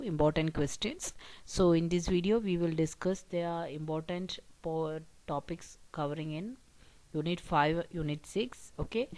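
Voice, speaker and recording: A woman's voice: low-pitched, darkish tone, rough recording. A woman teaching an exam revision lecture, explaining step by step and often checking in with "okay" and "right".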